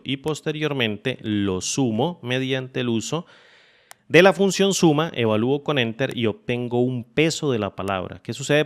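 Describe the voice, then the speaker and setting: A man hosting a spreadsheet tutorial, explaining formulas step by step in a methodical way and repeating phrases to make things clear. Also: mid-range voice. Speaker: Excel tutorial host. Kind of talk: screen-recorded software tutorial.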